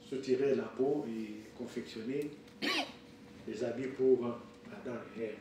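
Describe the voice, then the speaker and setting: Man in his sixties, sermon, halting with fillers, slow, echoey room from far off. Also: mid-range voice, dark tone, slight background noise. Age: 60s. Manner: halting, with many fillers and restarts. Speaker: preacher. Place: church hall.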